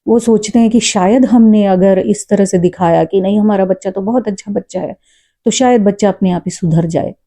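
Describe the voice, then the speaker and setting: A woman, a mother, earnestly recounting something she witnessed in a casual, reflective way, pausing often with fillers. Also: medium pitch. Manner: says she talks loud and forcefully. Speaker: storyteller vlogger. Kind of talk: casual spoken storytelling.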